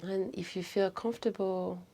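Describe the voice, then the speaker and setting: A woman instructor leading a guided breathing practice in short, soothing, unhurried phrases. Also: medium pitch, steady tone, vocal fry, dark tone, slight background noise.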